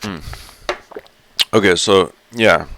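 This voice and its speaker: Groggy gravelly-voiced man streaming, slow and deep. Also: fairly bright tone, slight background noise. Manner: rambling, chatty, many fillers and self-corrections. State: groggy just-woken morning voice. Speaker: live streamer exploring a virtual world. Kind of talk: casual live-stream commentary.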